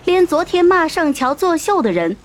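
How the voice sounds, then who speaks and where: A woman's voice: very high-pitched, big pitch swings, moderate pace, slight background noise. A woman narrating a novel as an audiobook, telling the story expressively.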